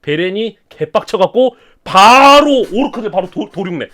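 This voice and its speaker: A man casually retelling a fantasy legend as a storyteller, slangy and animated. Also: high-pitched, normal speed. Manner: animated, slangy and conversational, acting out characters. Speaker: story YouTuber.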